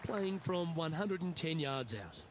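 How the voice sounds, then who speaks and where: A man giving golf commentary as lead announcer, in understated, measured remarks on play. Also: on the high side, big pitch swings, a faint crowd, a little hiss or hum.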